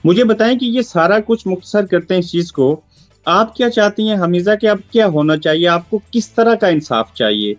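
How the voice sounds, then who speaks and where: A man with a Pakistani Urdu accent, asking probing, measured interview questions. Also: high voice, expressive, dry recording, dull audio, soft background music.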